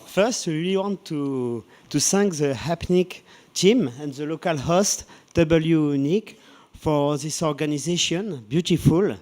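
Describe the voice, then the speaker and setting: French-accented guy giving a conference pitch, slow and kinda halting, pitch a bit high. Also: darkish tone. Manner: halting, laughs often. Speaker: conference presenter. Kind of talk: scripted two-person presentation.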